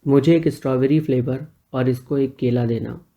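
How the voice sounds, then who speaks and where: A man voicing a gentle, joking neighbor who is a little older and talks calmly and reassuringly. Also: mid-range voice, moderate pace, lightly acted.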